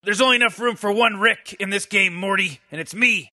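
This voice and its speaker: A man with a high-pitched, brisk, pushed and bright voice plays a cynical old mad scientist giving comedic commentary on game characters. Sardonic and sarcastic, he rambles, stammers into restarts and barks out insults.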